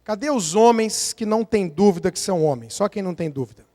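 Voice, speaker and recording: A man preaching a sermon as pastor, with a Brazilian Portuguese accent, telling animated stories and acting out little scenes for his congregation. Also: sits high, fast. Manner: animated storytelling, acting out scenes and counting aloud. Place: church sanctuary. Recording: long church-hall reverb.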